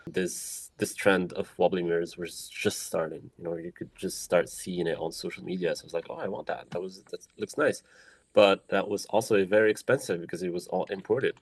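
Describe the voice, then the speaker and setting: Low-voiced Moroccan man, halting and thoughtful. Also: fairly even intonation, slightly rough, dry recording. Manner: thoughtful, many fillers and restarts. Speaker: woodworker and small business founder. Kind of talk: documentary interview.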